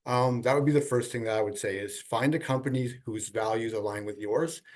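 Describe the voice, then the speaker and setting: A man's voice: medium pitch, brisk, darkish tone. A man with braces slightly impeding his speech gives emphatic advice as an employer on a panel, checking in with listeners as he goes. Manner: emphatic, repeats "okay?" as a check.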